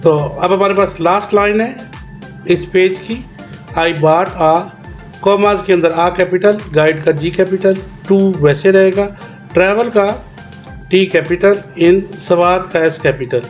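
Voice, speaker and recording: A man teaching children a homework lesson, slowly dictating and repeating words syllable by syllable. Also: high-pitched, fairly even intonation, soft background music.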